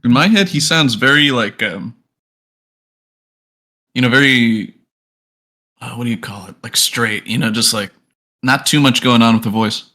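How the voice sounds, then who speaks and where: A man's voice: mid-range voice, measured pace, long pauses, sharp tone. A man co-hosting a podcast in casual chat, joking, swearing and laughing often. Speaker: podcast co-host.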